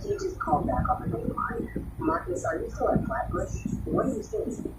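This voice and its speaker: A woman's voice: extremely high pitch, lively intonation, normal speed. A woman playing a tense radio newsroom announcer in a broadcast drama, urgent and emphatic. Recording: very noisy, echoey, distant radio broadcast.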